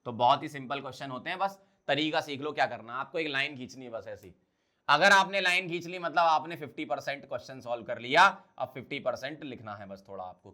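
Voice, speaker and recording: Bright-voiced male chemistry teacher lecturing. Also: a little high. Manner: asks students questions and answers them himself; mixes Hindi with English technical terms. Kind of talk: blackboard lecture.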